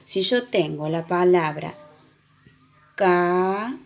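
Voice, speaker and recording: A woman teaching children the sounds of a letter, explaining patiently and repeating example words slowly. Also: medium pitch, sing-song, warm tone. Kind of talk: children's reading lesson.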